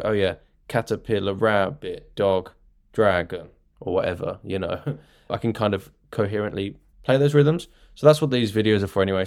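A man's voice: deep voice, gravelly, darkish tone. A man, a music teacher and podcast host, explaining rhythm games in a chatty way. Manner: chatty, explanatory, claps and taps examples. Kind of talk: casual teaching talk.

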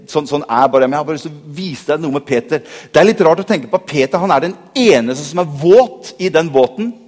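A male pastor preaching with a lively, joking manner, swinging between loud emphasis and hushed asides. His voice sits a bit high for a man. A long reverb fills the church around him. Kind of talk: sermon.

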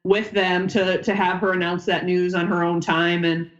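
On a casual podcast, a woman in her thirties from upstate New York, United States, a onetime basketball player and coach, chats in a rambling way and drifts off mid-sentence. Her voice is on the low side, level in tone and moderate in pace, and the recording sounds muffled.

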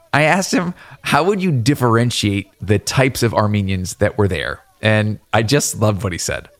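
A man with a nasal voice, hosting an interview, asking curious questions and adding his own voice-over narration. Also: on the low side. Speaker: podcast host, interviewer.

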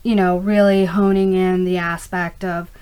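Her voice is fairly low, darkish, clear and resonant, with little pitch movement and a normal speed. This interview guest, a middle-aged startup founder and native Urdu speaker from Karachi who grew up in the U.S. from age five, responds in an earnest, wandering, conversational manner.

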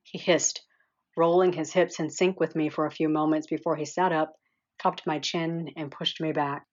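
Low-voiced woman narrating an audiobook. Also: steady tone, moderate pace. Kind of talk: first-person audiobook narration. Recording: slightly dull lo-fi sound.

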